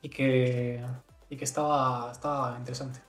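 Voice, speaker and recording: A young man from Galicia co-hosting a podcast, animated and jokey, gesturing as he talks. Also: medium pitch, moderate pace. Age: young adult. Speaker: podcast co-host. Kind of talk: casual chat. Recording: roomy echo with faint music.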